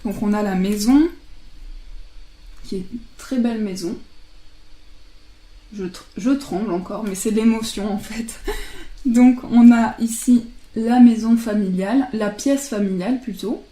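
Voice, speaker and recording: A woman casually presenting oracle card decks, chatting and laughing softly at herself as she translates card titles aloud. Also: fairly high pitch, measured pace, long pauses, reverberant.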